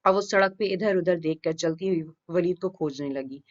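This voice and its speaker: A woman reading a romance novel aloud as an audiobook narrator, steady and expressive. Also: lowish voice. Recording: dull lo-fi recording.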